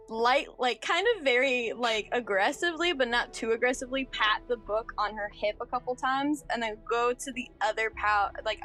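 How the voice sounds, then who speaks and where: A woman playing a tabletop role-playing game, narrating what her character does in a halting way full of fillers. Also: fairly high pitch, a bit bright. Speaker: player playing Ruthie.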